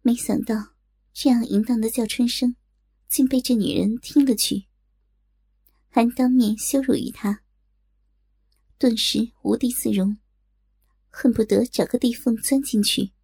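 A woman narrates a storybook with measured, expressive reading. Her voice is gravelly and husky, dark in tone, recorded close and dry. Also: a little high, no echo.

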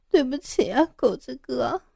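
A gentle young village girl, as a woman storyteller puts her on, speaks high and slow in a mellow tone. Her soft, hesitant delivery suits an audio storybook. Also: dry recording, studio quality.

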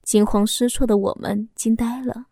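A woman with a fairly high, mellow voice tells a first-person story in an intimate, confessional tone. She reads close to the mic in a dry, dead space. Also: steady tone, normal speed, dry recording. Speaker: audiobook narrator.

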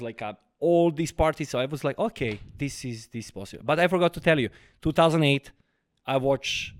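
A man tells his story as an interview guest. His voice sits at a middle pitch for a man. He talks in an animated way, acts out his own past lines and leans on fillers like "you know.". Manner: animated, quotes himself often, frequent fillers. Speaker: guest entrepreneur.

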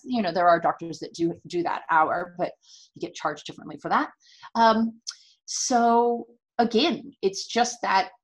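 A woman's voice: fairly low pitch, breathy edge. A woman explaining her practice in a conversational interview, earnest and fond of repeating words for emphasis. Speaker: interview guest, natural medicine practitioner and medical astrologer.

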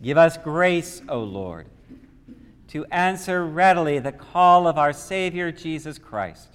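A man leading worship, intoning liturgical prayers in a slow, measured, solemn way. His voice carries a cathedral echo from a large church. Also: a little high, lively intonation, smooth. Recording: long reverb of a large church.

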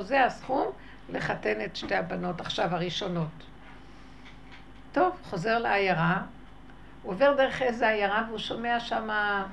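Gravelly-voiced Israeli woman telling a tale. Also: on the high side, slight background noise. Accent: Israeli Hebrew. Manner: animated storytelling, acts out quoted voices. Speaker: religious teacher.

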